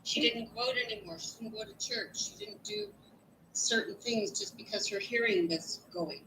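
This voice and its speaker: A woman's voice: mid-range voice, moderate pace, sharp tone, a little hiss or hum, rough recording. A woman student answering in class, pointing to a passage in her textbook. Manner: refers to a textbook page. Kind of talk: class discussion.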